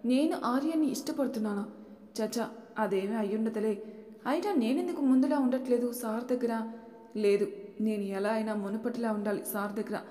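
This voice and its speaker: A woman voicing a stubborn, sharp-tongued young heroine in an audiobook story. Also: fairly high pitch, brisk, lightly acted. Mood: brooding. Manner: snappy, sharp-tongued, defensive. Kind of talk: audiobook character voice. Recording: echoey room with long reverb.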